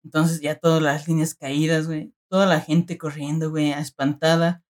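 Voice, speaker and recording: Young adult woman, Mexican accent, casual slangy storyteller, lower-pitched voice. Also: moderate pace. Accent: Mexican Spanish. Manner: animated slangy storytelling, peppered with filler words. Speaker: storyteller among friends. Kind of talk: casual chat.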